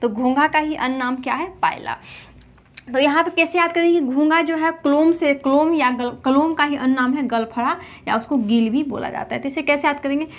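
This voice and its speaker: A woman's voice: high-pitched, fairly quick. A woman teaching a general knowledge lesson, explaining memory tricks. She keeps asking rhetorical questions, answers them herself, and repeats each point several times.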